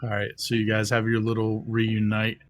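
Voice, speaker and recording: A man's voice: fairly low pitch, completely flat delivery, moderate pace, heavy background noise. A man narrating as game master, rambling, with many ums and restarts.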